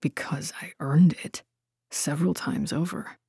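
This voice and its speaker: A woman voicing a guarded young warrior who speaks in hushed, clipped whispers. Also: deep voice, fairly even intonation, normal speed, creaky, slightly rough, no echo, clean studio sound, full character voice. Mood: hushed, wary.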